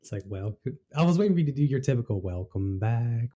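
A man's voice: medium pitch, expressive, very fast, mellow, breathy edge, muffled recording. A laid-back man co-hosting a podcast in casual, rambling chat, laughing often. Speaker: podcast co-host.

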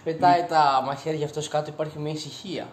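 A man's voice: a little high, steady tone. A man chiming in to a casual chat with short remarks. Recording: roomy echo with faint hiss.

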